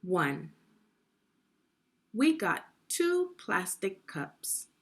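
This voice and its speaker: Extremely slow and very animated, a woman with a mid-range voice narrates a read-along for children. Each word is clearly enunciated as she instructs them and puts questions to them.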